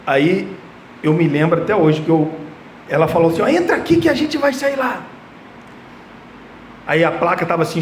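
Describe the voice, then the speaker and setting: A man preaching an expository sermon, emphatic and telling personal stories, often repeating himself. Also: on the high side. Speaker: pastor. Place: church hall. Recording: echoey church room, faint background noise.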